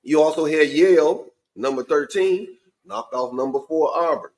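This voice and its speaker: A man's voice: a little high, moderate pace, a little mellow, low-quality recording. A man hosting a podcast, talking casually with his friends in an informal, colloquial way. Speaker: podcast host. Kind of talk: casual sports talk among friends.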